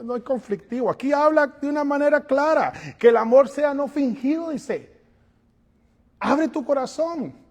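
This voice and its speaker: A male pastor preaching a sermon, animated, moving between quiet asides and loud calls, and acting out little scenes. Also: very high-pitched, slightly rough, in a large hall. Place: church sanctuary.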